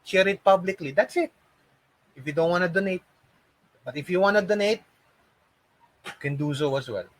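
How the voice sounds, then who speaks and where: An expressive, high-pitched man, moving at a moderate pace and pausing often, leads a live online lesson. He is an English and call center trainer from the Philippines and has a Filipino accent. His encouraging style relies on repeated phrases and rhetorical questions.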